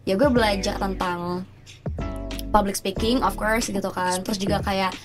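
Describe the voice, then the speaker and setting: A woman's voice: medium pitch, normal speed. Young woman with a lisped r, music behind. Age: young adult. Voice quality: cannot roll her r's, a soft lisped r. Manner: animated, acts out quoted remarks. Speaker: podcast guest, student and radio announcer. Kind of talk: casual chat, slangy storytelling.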